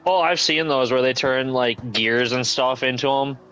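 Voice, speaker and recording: A man's voice: mid-range voice, normal speed, bright, forceful tone, clear, resonant tone, lo-fi sound. A man streaming a game, chatting casually and laughing as he rambles. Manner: laid-back, rambling, laughs often. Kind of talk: casual chat while gaming.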